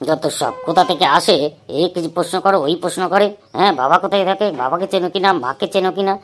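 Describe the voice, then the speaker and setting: A woman's voice: fairly low pitch, fast, natural voice. A woman voicing a short-tempered middle-aged male shopkeeper in a cartoon, scolding and irritable. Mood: grumbling.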